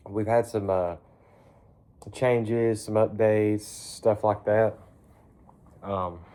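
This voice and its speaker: A man with a deep, low voice talks casually to a phone propped up in a barn. He is laid-back and folksy, rambling along and cursing offhand like he is catching up with regular viewers. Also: steady tone, very slow, warm tone. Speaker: vlogger. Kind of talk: casual rambling chat to camera.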